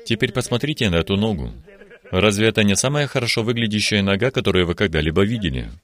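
A very low-voiced man in his eighties tells his religious testimony in slow, emphatic phrases. He speaks as a guest in a television studio, earnest and deliberate. His voice sits deep throughout. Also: animated, fairly bright tone. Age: 80s. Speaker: guest giving a healing testimony.

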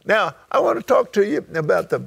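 Man preacher, high and animated, fervent sermon delivery. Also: brisk, gravelly, husky. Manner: fervent, repetitive preaching with sudden high exclamations.

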